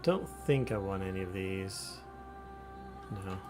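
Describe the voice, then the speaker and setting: A man's voice: sits low, expressive, slow pace. A man giving casual livestream commentary as he plays, with wry, sarcastic asides. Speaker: game streamer. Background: game music.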